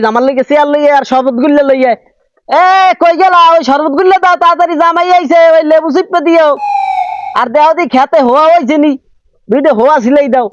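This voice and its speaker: In a comic village drama, an older male actor plays a doting, fussy grandfather who scolds and fusses. His voice is extremely high and darkish, with no room sound, on dull lo-fi audio with faint music.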